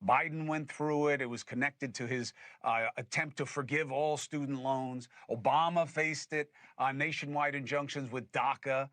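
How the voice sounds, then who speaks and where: A man hosting a podcast, giving emphatic, animated political commentary. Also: mid-range voice, moderate pace, hardly any pauses, no echo. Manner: emphatic and animated, with scornful laughs. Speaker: podcast host.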